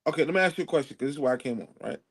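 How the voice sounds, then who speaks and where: With an expressive voice on the high side and a breathy edge, a male guest on a live online panel argues his case in a casual debate. He keeps cutting in, apologizing, and then arguing his point.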